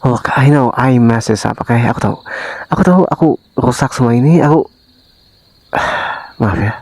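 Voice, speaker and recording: Whispered role-play: man as a remorseful young husband, soft and pleading, mid-pitched. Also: normal speed, dry recording, lightly acted, low-quality recording. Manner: soft, pleading, sprinkles English phrases. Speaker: ASMR voice actor.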